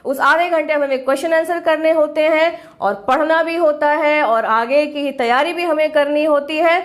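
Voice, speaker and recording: Young woman, high voice, teaching an online class and drawing out English phrases slowly. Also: fairly even intonation. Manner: mixes Hindi with English phrases, slows down sharply on English sentences.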